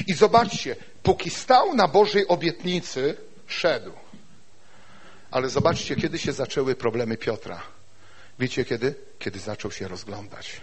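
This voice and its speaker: A man preaching a sermon in an animated way, often putting rhetorical questions to the congregation. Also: on the high side, slightly rough.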